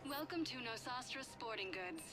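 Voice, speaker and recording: Shop speaker announcement, polished ad tone, a little high. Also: female voice, expressive, moderate pace. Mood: upbeat. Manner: polished advertising tone. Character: woman voicing store greetings over a shop speaker. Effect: store announcement speaker.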